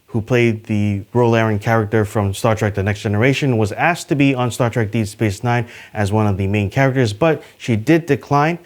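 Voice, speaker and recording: A YouTube host presents a casual trivia video, speaking to the camera in an upbeat, enthusiastic, chatty way with plenty of fillers. His pitch jumps whenever he reaches a list number.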